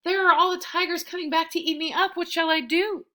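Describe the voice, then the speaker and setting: Brief: small storybook boy, high and pleading, clever under pressure; woman reader. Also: steady tone, brisk, bright, forceful tone. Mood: anxious. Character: small clever boy, frightened but quick-witted.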